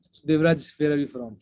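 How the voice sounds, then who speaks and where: A man's voice: a little high, vocal fry, a little hiss or hum. A man, speaking casually as a guest speaker in a live online session and answering questions from the chat. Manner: casual, chatty, off-the-cuff advice.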